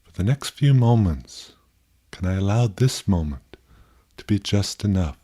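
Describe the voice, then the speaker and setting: A man guides a meditation gently and contemplatively, pausing often and posing soft questions. His voice is lowish and expressive.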